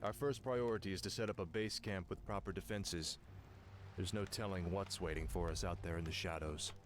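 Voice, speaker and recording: An actor playing a grim, commanding young prince bent on vengeance in a video game, speaking tersely. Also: male voice, low-pitched, steady tone, a little fast, background noise, close to an everyday voice. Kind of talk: video game character acting. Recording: clear music bed behind the voice.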